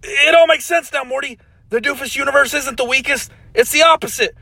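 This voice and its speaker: A man voicing a panicked old male mad scientist who talks in a frantic, high, strained way. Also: moderate pace, pushed and bright, husky, no room sound, exaggerated voice.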